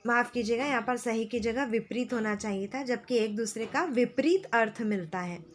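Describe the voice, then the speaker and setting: A woman teacher explaining grammar to schoolchildren, slow and patient, repeating key phrases. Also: a little high. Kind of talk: classroom lesson explaining grammar.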